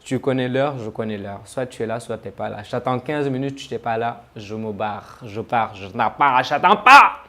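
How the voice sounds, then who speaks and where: A man's voice: medium pitch, normal speed, hardly any pauses. A man from Senegal talking casually to camera about himself, chatty and joking at his own expense. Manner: chatty, joking, self-mocking. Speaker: travel vlogger.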